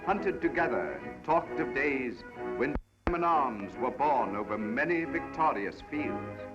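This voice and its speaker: Old newsreel guy narrating, big lively swoops, dull lo-fi sound over loud music. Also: medium pitch, measured pace. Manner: dramatic, declaiming.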